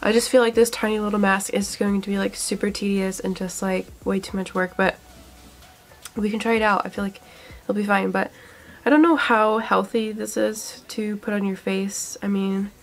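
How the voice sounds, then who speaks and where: A young beauty vlogger, congested with a cold, goes through a skincare test in a casual product review, chatting eagerly and filling gaps with likes and ums. Her medium-pitched voice is gravelly and steady at a normal speed, recorded close to the camera in a small room.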